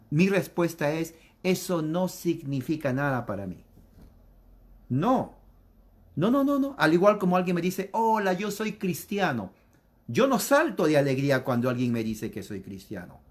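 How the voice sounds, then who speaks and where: A man preaching a catechism lesson in an emphatic, repetitive way, acting out opponents' objections in quoted voices. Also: a little high. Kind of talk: sermon.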